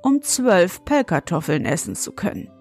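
A woman's voice: fairly low pitch, huge pitch swings, moderate pace, darkish tone, breathy edge, faint music behind, heavily acted. A woman voicing a small, stern grey old forest gnome in a storybook reading, with a thin, fine voice and a scolding, proud manner. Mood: wistful.

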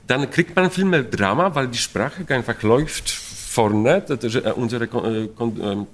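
A middle-aged Polish man, a native Polish speaker with a Polish accent, is interviewed as an opera stage director about a production. His mid-range voice is animated and unhurried, and he searches for words, with many fillers, restarts and frequent laughter.

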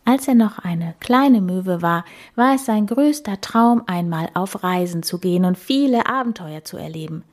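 A woman narrating a children's story in a soft, soothing, half-whispered voice. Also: on the low side, lively intonation, normal speed, few pauses.

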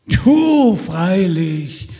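A man's voice: sits high, sing-song, extremely slow, mellow, heavily acted. A man voicing a sly, scheming male forest spirit who mocks and persuades, with long reverb around him. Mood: mocking. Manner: mocking, persuasive, jeering.

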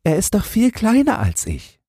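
A man reads a small, frightened boy who keeps watch over rubble, his voice pushed high and thin. He sounds timid and stubborn, grief held back, with a husky edge and swinging intonation, recorded close and completely dry. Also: huge pitch swings, normal speed, dry recording, heavily acted. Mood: timid, sad. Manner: timid, stubborn, quietly grieving. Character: frightened nine-year-old boy guarding rubble. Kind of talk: audiobook character voice.

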